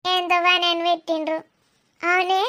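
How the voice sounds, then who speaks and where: A woman playing a very high, blunt village mother. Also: level tone, normal speed, sharp tone. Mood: teasing. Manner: scolding, mocking, rustic. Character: blunt, scolding older village mother, loud and teasing. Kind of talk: comedy skit acting.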